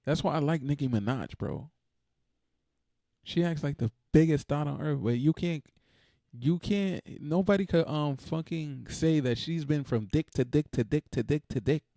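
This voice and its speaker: A man's voice: a little high, moderate pace, dark tone, dry recording, studio quality. A man hosting a reaction video, talking in a blunt, profane, exasperated casual rant.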